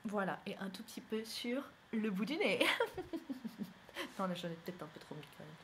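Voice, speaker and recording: A woman's voice: medium pitch, animated, normal speed, fairly bright tone, slight background noise. A young woman from northern France, chatty and self-mocking, talking through her makeup routine in a casual tutorial. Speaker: beauty vlogger. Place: indoors at home, by a window.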